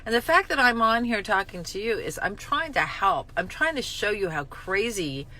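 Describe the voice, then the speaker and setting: Blunt, animated woman vlogger. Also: medium pitch, normal speed. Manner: blunt, swears, self-mocking, emotional swings. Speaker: recovery vlogger. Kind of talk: candid spoken reflection on a daily reading.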